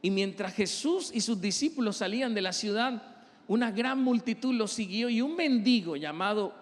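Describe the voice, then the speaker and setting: A man's voice: high voice, animated, moderate pace, long reverb tail. A male pastor preaching an impassioned sermon and acting out the voices of the people he quotes.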